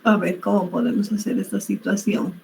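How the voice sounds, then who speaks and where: A woman teacher leading an online class, putting questions to students and stopping to correct how terms are used. Her pitch is middling for a woman, with faint noise behind her. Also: level tone, normal speed, gravelly, warm tone, rough recording.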